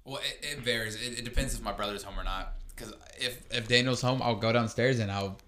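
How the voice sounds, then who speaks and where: A young man as a guest, chatting in a relaxed, laid-back way with lots of "like". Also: medium pitch, a little fast, a little hiss or hum. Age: young adult. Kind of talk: casual chat.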